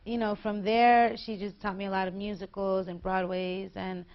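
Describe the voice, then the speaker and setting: A singer in her twenties from New York chats in a casual interview, bubbly and laughing often. Her voice is mid-range with a level tone and moderate pace, and the high frequencies are cut off.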